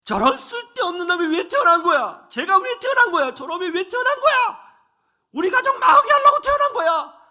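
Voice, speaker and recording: A man voicing an abusive, furious father who shouts at his son. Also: extremely high pitch, sing-song, brisk, pitched above the performer's own voice, heavily acted. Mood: enraged. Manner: shouting, harsh.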